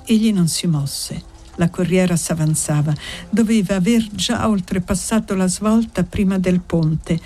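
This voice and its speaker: A woman reads a classic novel in a measured, unhurried narration with long pauses. Her voice is low and mellow, and faint music lies under the reading. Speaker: audiobook reader. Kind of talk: literary audiobook narration.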